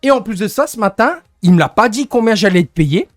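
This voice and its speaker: A young man rants to his livestream chat about his frustrations, rambling and hunting for words as he goes. His voice sits a little high, the sound is dry and close, and faint music plays underneath. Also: animated, brisk, dry recording. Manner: rambling, gets annoyed, searches for words. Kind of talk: casual venting to stream chat.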